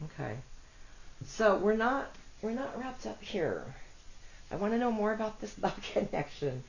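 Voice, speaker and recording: A woman with a congested, rough voice does a casual solo tarot reading, chatting to her cards and her viewers in a self-deprecating way. Her voice is medium in pitch, very animated, and a little slow. The audio is dull and lo-fi with faint noise.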